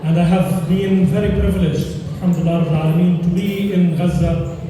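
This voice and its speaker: A man from Palestine, a doctor, giving an earnest, measured speech at a fundraising dinner, pausing often. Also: sits high, fairly even intonation, dark tone. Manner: earnest, measured delivery with frequent pauses and fillers. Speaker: charity dinner speaker, doctor. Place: large indoor hall. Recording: echoey hall, distant mic, noisy.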